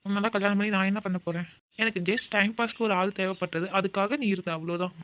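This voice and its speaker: Woman voicing a sarcastic young man, rapid-fire. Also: mid-range voice, fairly even intonation, a bit bright, lo-fi sound, lightly acted. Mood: dismissive. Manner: curt, sarcastic. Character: young man, cold and bitter boyfriend. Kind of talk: cartoon voice acting.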